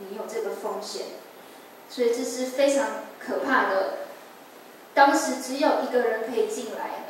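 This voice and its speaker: A woman in her twenties giving an earnest, emotional personal testimony at a church service. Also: on the high side. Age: 20s. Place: church sanctuary. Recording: echoey church hall, distant mic, faint noise.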